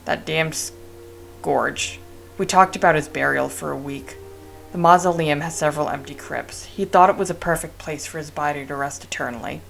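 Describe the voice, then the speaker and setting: A woman reading aloud the lines of a talkative male village priest from a game, in a measured way. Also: low-pitched, vocal fry, a bit bright, soft background music. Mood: calm.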